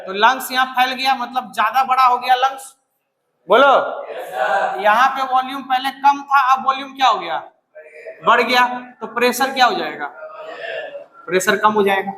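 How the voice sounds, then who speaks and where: A male biology teacher lecturing a class, dictating slowly, repeatedly prompting students to answer and scolding them bluntly. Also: very high voice, sharp tone. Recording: echoey classroom with long reverb.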